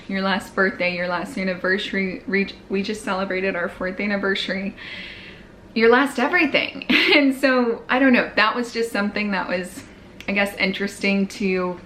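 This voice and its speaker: A young woman vlogger recaps her pregnancy casually, slightly out of breath and chatty, using lots of fillers and frequent "like." Her mid-range voice is a bit bright, with slight background noise.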